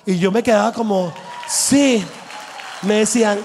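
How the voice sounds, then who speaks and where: A Venezuelan man, a comedian and host, telling stand-up stories with animated, slangy delivery. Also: high voice, measured pace, big-room sound, a faint crowd, a little hiss or hum.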